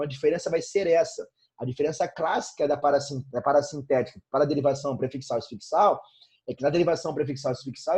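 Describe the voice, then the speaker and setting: A man's voice: on the high side, a little mellow, husky. A Brazilian man teaching an informal online grammar lesson, repeating points and checking in with frequent tag questions. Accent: Brazilian Portuguese.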